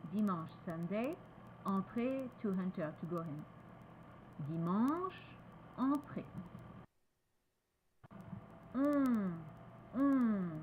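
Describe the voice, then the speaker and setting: Teacher, female, French accent, very slow and deliberate, lively pitch, faint room noise. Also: phone-quality sound. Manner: repeats each word slowly, switches between French and English. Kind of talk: slow, careful pronunciation lesson.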